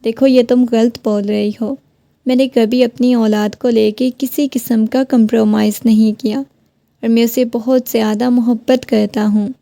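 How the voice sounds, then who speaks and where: A woman's voice: fairly high pitch, steady tone, vocal fry, dark tone, dry recording. A woman reading the lines of a stern, defensive young husband in a firm, reasoning voice.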